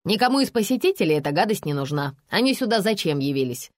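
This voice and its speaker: A stern café owner, scolding and contemptuous, loud and drawn-out in her complaints, as a woman narrator puts her on. Her voice is dry and close in this storybook reading. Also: fairly low pitch, sing-song, no echo.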